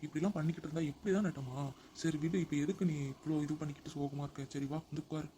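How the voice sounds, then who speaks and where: A man's voice: fairly high pitch, steady tone, quick pace, warm tone, a little hiss or hum, natural voice. A man playing a harried husband. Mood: irritated. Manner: exasperated, pleading. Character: harried young husband caught between wife and mother. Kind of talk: comedy sketch acting.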